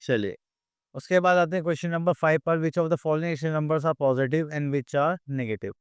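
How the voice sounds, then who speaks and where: A man's voice: fairly high pitch, smooth, dry recording. Guy teaching math class, mixes hindi and english, asks then answers himself, dry close sound. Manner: slows down to read textbook lines aloud.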